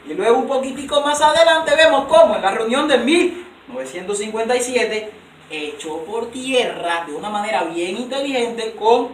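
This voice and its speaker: A man's voice: very high voice, lively intonation, moderate pace. A male preacher delivers an emphatic sermon, firing rhetorical questions at the congregation. His voice is picked up from a distance in an echoey hall, with faint noise underneath.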